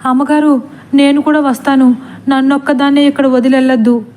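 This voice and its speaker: A frightened, meek servant woman pleads and apologizes in a raised, anxious voice, as a female storyteller puts her on. Her tone stays mellow and soft-edged despite the lift in pitch. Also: level tone, a little fast, close to an everyday voice. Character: timid superstitious female servant, middle-aged.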